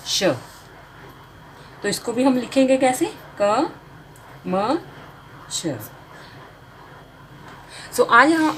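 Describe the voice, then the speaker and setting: A woman's voice: mid-range voice, fairly bright tone, slight background noise, rough recording. A woman teaching a beginner spelling lesson, sounding out letters and marks one by one and drawing out each finished word.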